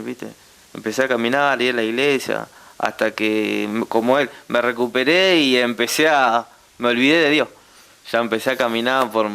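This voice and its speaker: Appearing as a guest, a young Rioplatense-accented man from Argentina gives an emotional personal testimony, hesitant and laden with repeated tag questions. His mid-range voice sounds fairly bright and smooth.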